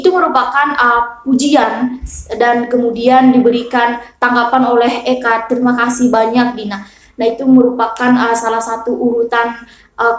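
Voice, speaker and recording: A woman student giving a class presentation, hesitant with many filler sounds. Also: on the high side. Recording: echoey room.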